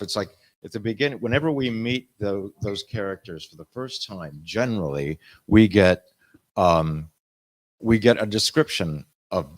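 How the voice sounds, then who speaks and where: A man, an audiobook narrator, talking on a convention panel in an animated, explaining way. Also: fairly low pitch.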